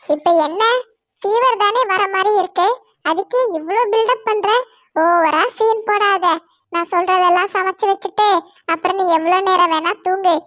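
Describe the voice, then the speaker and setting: A woman voicing a bossy bird sister, very high. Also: moderate pace, fairly bright tone, dry recording, studio quality. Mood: scornful. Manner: scornful, commanding. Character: bossy greedy young female bird, older sister.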